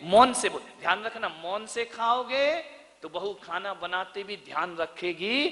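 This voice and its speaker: A man delivers a theatrical sermon to a crowd in a large hall, his voice high and bright with a sharp edge. He drops to near-whispers and then bursts into shouts, slipping into sing-song voices to act out family quarrels. A long reverb trails behind every word. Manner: theatrical, swings from soft asides to shouted lines; acts out household dialogue in sing-song voices. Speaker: Jain monk preacher. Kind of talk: sermon to a live audience.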